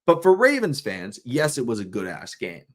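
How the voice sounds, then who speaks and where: A man's voice: mid-range voice, huge pitch swings, normal speed. A young man ranting on a live stream, frustrated and profane, with lots of fillers and restarts. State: coughing, throat irritated. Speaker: sports fan streamer. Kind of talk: casual live-stream rant.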